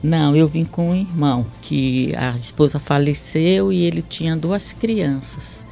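A woman from Sergipe recalling her teenage years in an interview, plain and thoughtful, slowing on key words. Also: deep voice, creaky, warm tone. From Sergipe, Brazil. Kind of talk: reminiscing interview answers. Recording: faint music underneath.

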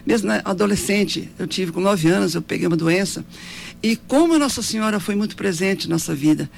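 A woman's voice: mid-range voice, fairly quick, vocal fry. A woman in her seventies with a Brazilian accent, telling her life story in an interview in an earnest, devout way, often ending with tag questions. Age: 70s.

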